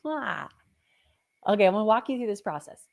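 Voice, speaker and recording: Brief: middle-aged woman, podcast host and minister, conversational faith teaching, lively and playful. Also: mid-range voice, a little fast, vocal fry. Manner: chatty and animated, with playful acted asides.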